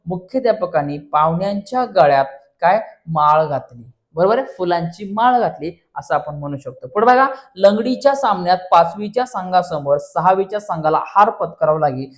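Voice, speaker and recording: High-voiced Marathi man teaching. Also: fairly quick. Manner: repeats questions back, addresses friends. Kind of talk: explaining an exam paper.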